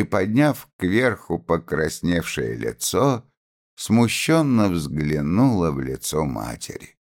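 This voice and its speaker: A man reads a novel aloud with a very deep voice. He takes his time and lets his pitch rise and fall expressively as he tells the story. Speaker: audiobook reader.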